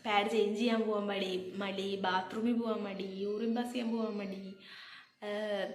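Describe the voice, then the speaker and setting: A young woman vlogger, telling a personal story casually and acting out the dialogue. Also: medium pitch. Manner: animated, acts out dialogue. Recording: echoey room with faint noise.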